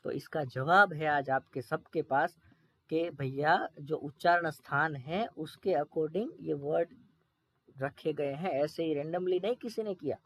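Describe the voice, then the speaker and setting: A man's voice: a little high, a bit bright, no echo. A man teaching Sanskrit pronunciation in a casual video lesson, talking straight to viewers and sounding out letters one by one. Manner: chatty, addresses viewers directly, sounds out letters slowly.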